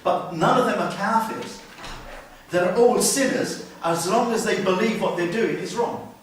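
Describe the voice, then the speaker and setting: A man's voice: sits high, unhurried, a little hiss or hum. A man giving an earnest mosque lecture as a religious teacher, with many restarts and questions put to the listeners. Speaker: Islamic teacher. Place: mosque hall. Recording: very echoey hall, mic at a distance.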